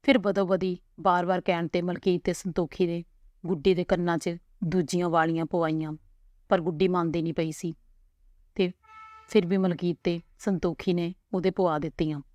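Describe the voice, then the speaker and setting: Low-voiced woman telling a family story. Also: level tone, normal speed, a little mellow, no room sound, lo-fi sound. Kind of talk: storytelling narration.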